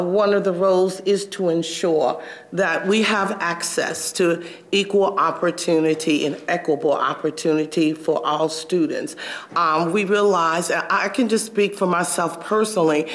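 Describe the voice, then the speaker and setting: A man's voice: sits high, a bit bright. A man on a school board speaking as a panelist, hesitant with frequent fillers, in a conference room. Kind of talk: panel discussion.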